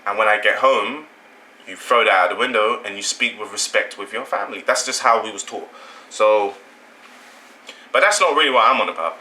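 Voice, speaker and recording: Low, tense-voiced British man vlogging. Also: normal speed, pushed and bright, slight background noise, poor audio. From England. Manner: rambling, self-correcting, conversational. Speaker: channel host. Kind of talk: casual opinion monologue.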